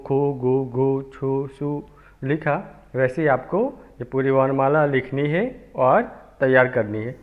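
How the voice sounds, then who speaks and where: A man gives a children's alphabet lesson at a very slow, deliberate pace, sounding out each letter again and again. His voice sits a little high, and it comes through a thin, tinny line like a phone recording. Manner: slow, patient, repeating sounds for young pupils. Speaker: teacher.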